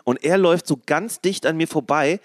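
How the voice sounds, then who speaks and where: A man co-hosting a podcast, telling stories in animated, casual banter. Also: on the high side, no echo, clean studio sound. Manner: fast storytelling, animated, swears. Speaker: podcast co-host.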